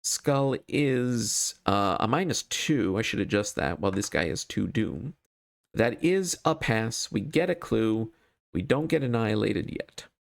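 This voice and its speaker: Gravelly, animated man narrating his game. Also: lowish voice, measured pace. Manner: wry, self-deprecating. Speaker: host playing a solo card game. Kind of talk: casual game commentary, thinking aloud.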